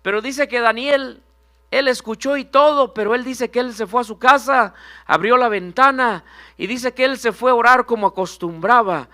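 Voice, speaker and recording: High-voiced fervent preacher. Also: male voice, moderate pace, sharp tone. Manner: fervent preaching, often addressing the congregation directly. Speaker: minister. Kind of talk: Pentecostal sermon. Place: church sanctuary.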